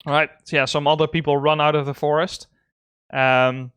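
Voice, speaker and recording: A man's voice: a little high, moderate pace, clean tone, no echo. A man running a tabletop game as game master, narrating loosely with fillers and frequent laughs. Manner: relaxed, laughing often, filler-heavy narration.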